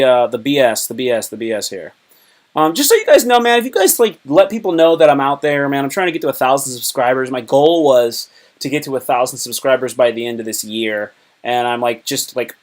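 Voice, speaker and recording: Rambling young man telling crude stories. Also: medium pitch. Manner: rambling, full of fillers and restarts; crude, joking. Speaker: live streamer and stand-up comedian. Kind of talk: casual live-stream storytelling.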